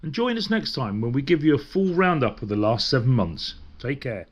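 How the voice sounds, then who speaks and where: A man's voice: mid-range voice, very animated, moderate pace, husky, no echo. A man chatting casually in a travel vlog from his motorhome, rambling with plenty of fillers and restarts. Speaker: vlogger. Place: motorhome on the road.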